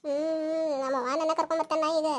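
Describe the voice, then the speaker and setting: A woman's voice: high-pitched, little pitch movement, fast talker, natural voice. Woman doing a whiny, sulky little village girl. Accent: North Karnataka Kannada. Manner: whiny, complaining.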